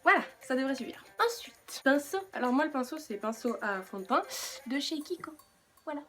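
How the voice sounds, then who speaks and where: A woman's voice: high voice, expressive, normal speed, sharp tone, soft background music. A woman with a French accent chatting casually through a makeup tutorial, with self-mocking asides. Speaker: beauty vlogger.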